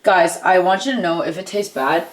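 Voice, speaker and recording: A woman's voice: fairly low pitch, fairly quick, slight background noise, poor audio. A giggly, tipsy woman bantering casually while cooking, teasing and swearing freely in slangy speech. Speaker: cooking vlog co-host. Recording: music behind the voice. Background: background music.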